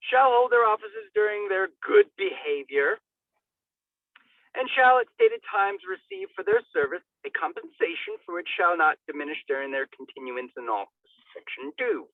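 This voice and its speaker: A man with a high, sing-song voice gives a hammy, theatrical dramatic reading at normal speed, stumbling over words and tossing in comic asides. The recording is dry, with a thin, band-limited sound like a phone line.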